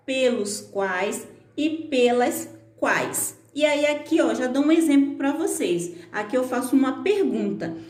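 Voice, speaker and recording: A woman's voice: fairly high pitch, darkish tone. Brazilian teacher woman, echoey room. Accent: Brazilian Portuguese. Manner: patient, explanatory, frequent fillers like "né". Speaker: primary school teacher. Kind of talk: recorded online lesson for children.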